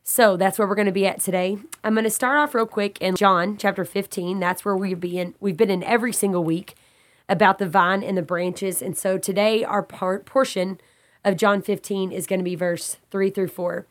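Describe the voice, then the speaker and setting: A Texas woman with a cold leads a Bible study, her voice congested and a little raspy. She speaks earnestly and steadily at a moderate pace, in a mid-range voice with fairly even intonation, repeating and restating points as she develops them.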